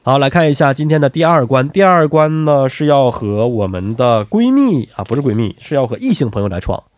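Male quiz host, mid-pitched, highly animated, talkative, teasing, dry studio sound. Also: brisk, no room sound. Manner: talkative, teasing, many tag questions. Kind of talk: chatty quiz show hosting.

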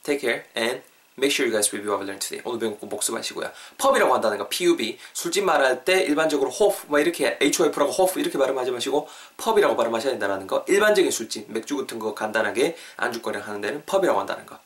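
A man hosting a podcast English lesson, chatty and questioning his listeners, slowing down to repeat example phrases. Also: mid-range voice, lively intonation, distant mic. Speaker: English teacher, podcast host.

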